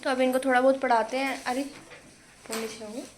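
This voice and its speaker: A woman's voice: sits high, level tone, brisk. A young woman chatting casually to her phone camera at home in a daily vlog, sprinkling English words into her talk as she tutors children. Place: home, indoors. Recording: faint background noise.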